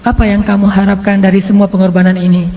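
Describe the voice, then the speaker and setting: A man voicing a gentle, caring male leader who asks calmly after a wounded follower in a sermon story. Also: high-pitched, quick pace, long reverb tail, pitched below the performer's own voice, natural voice.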